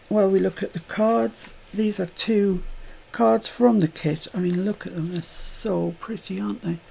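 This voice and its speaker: Older british woman, craft tutor, slow unhurried talk, chatty rambling asides, home craft room. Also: lowish voice, creaky, a little mellow, a little hiss or hum.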